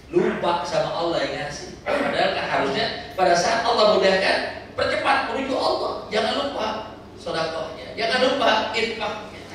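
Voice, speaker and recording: A man delivers a lively sermon to a pilgrim group and keeps throwing questions at his listeners. His voice is bright and a little high. He is recorded from some distance in a hall with heavy echo, with faint background ambience. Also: slight background noise. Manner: lively preaching with rhetorical questions. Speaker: umrah pilgrimage instructor.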